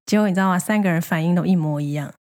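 A young woman from Taiwan, co-hosting a casual chat podcast and telling stories in an animated, playful way. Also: on the low side, racing. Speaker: podcast co-host.

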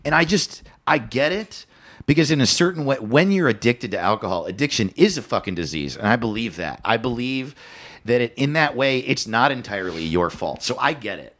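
A man co-hosting a podcast in casual chat, swearing often and thinking out loud with restarts. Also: mid-range voice, a little fast. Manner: animated, swears a lot, thinks aloud with restarts. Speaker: podcast co-host.

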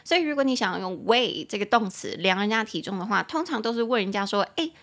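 A young woman with a medium-pitched, expressive, slightly bright voice hosts an English-teaching podcast. She chats casually and laughs often, slowing down to spell words letter by letter.

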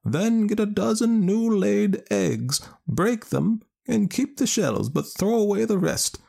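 A man voicing a mysterious old wise woman who gives instructions slowly and deliberately. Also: high voice, animated, gravelly, warm tone, pitched above the performer's own voice, exaggerated voice. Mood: commanding. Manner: slow, deliberate.

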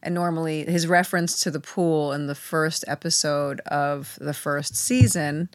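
A woman's voice: deep voice, steady tone, measured pace, dry recording. A middle-aged woman co-hosting a casual rewatch chat, candid and blunt, laughing easily. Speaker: podcast co-host, former cast member.

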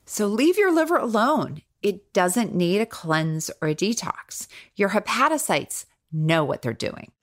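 A woman's voice: mid-range voice, very animated, measured pace, hardly any pauses. A woman hosting a podcast. She narrates a scripted story in a wry tone. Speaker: podcast host.

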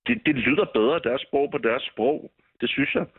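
A man's voice: medium pitch, lively intonation, breathy edge, dry recording, phone-quality sound. A man co-hosting a casual podcast chat, blunt and opinionated, swearing casually. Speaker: podcast co-host. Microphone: remote call line.

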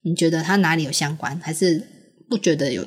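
A woman's voice: low-pitched, a little fast, slightly rough. A woman, patiently explaining a story to her young daughter, asking questions and laughing often. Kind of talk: casual storytelling chat with a child.

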